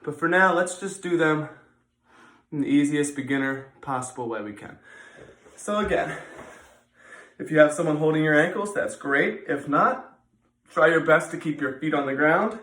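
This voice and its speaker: An echoey room carries the fairly high voice of a man teaching physical education. He talks learners through exercises informally, repeats the key steps and encourages them, lifting his voice when counting. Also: animated, moderate pace, pauses often, fairly bright tone. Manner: encouraging, counts repetitions aloud in raised voice. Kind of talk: instructional exercise demonstration.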